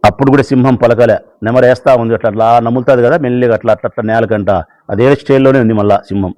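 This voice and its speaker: A man's voice: medium pitch, steady tone, a little mellow, rough recording. Man telling a fable. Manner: slow, dramatic, repetitive. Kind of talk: storytelling speech.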